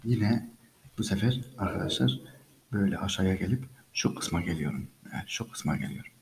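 A man's voice: low voice, expressive, a little fast, vocal fry, slight background noise, poor audio. A man teaching English by reading a story aloud and explaining each line patiently, repeating phrases and speaking to listeners as friends.

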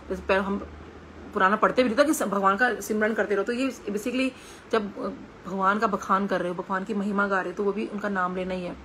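A woman's voice: medium pitch, fairly bright tone, a little hiss or hum. A middle-aged woman with an Indian Hindi accent, giving a devotional satsang talk full of personal stories, speaking earnestly with conversational hesitations.

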